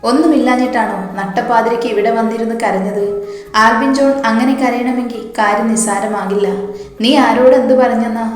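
A woman's voice: on the high side, steady tone, brisk, lightly acted. A woman reading as a teasing young woman friend. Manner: teasing, insistent. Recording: echoey hall with soft music.

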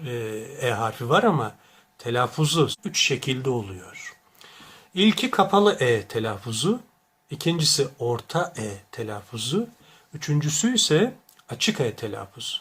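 A man giving a diction lesson, deliberately saying each word wrongly and then correctly to contrast the sounds. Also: medium pitch, fairly bright tone, husky. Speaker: diction teacher.

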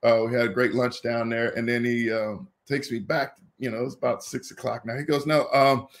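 With a mid-range voice and a slightly fast delivery, a man in his fifties from Indianapolis, USA, tells stories during a casual interview. Once a college football player, he tells them in a lively way, acting out whoever he's quoting.

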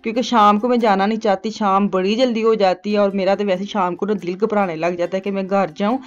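A middle-aged woman, a vlogger, gives a rambling, homely voice-over for her shopping vlog, recorded at home. Her mid-range voice holds a steady tone and moves a little fast. The sound is lo-fi.

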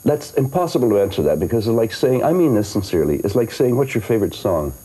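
A man's voice: medium pitch, very animated, fast, warm tone, slightly rough, poor audio. An older man, a singer and actor, chatting in an interview and telling stories with lots of fillers, restarts and laughs. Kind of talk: interview, storytelling.

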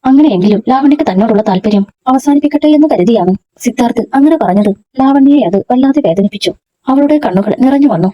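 Fast-reading woman narrator. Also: fairly high pitch, highs cut off. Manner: brisk, steady storytelling. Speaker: storyteller. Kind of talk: scripted narration.

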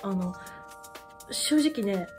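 A woman hosting a reaction video, reacting with excited exclamations and then talking through her thoughts casually. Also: medium pitch, drawn-out words, faint music behind.

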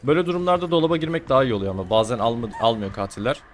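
A man's voice: mid-range voice, lively intonation, rapid-fire, slight background noise. Chatty man commentating his gameplay. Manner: chatty, teasing and exasperated. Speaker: gaming streamer.

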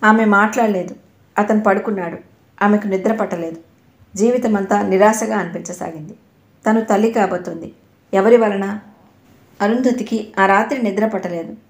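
A woman narrating an audio novel in a steady, dramatic storytelling manner. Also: mid-range voice, normal speed, pauses often, roomy sound.

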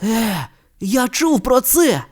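The audiobook reader voices an excitable boy wizard, speaking in high, eager exclamations. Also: slow pace. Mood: excited. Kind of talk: audiobook character reading.

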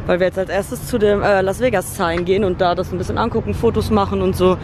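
A woman vlogging with a handheld camera, excitable and slangy in a playful, casual chat. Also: medium pitch, fast talker. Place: outdoors on a busy city street, then a restaurant. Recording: loud street traffic and crowd noise.

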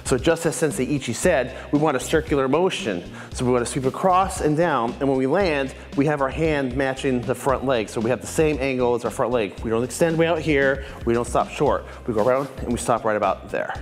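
A dojo instructor, male and in his thirties, offers instructional commentary indoors, methodically laying out and comparing blocking techniques with hardly any pauses. His voice is mid-range and fairly quick, with a long reverb tail and soft music beneath; he is recorded on a lapel mic in a medium shot.

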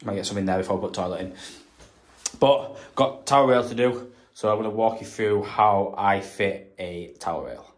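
A man's voice: lowish voice, moderate pace. British plumber guy rambling to camera in a half-done bathroom, bit out of breath, laughs at himself. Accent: British English. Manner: chatty, rambling, self-deprecating. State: slightly out of breath. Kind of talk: casual work vlog, talking to camera. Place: bathroom being renovated, indoors.

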